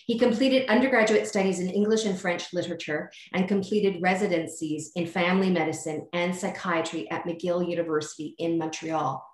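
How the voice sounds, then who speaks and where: Low-voiced woman host in an echoey room. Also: steady tone. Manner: measured, reading a prepared bio. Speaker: host and moderator. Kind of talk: formal speaker introduction. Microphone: video call.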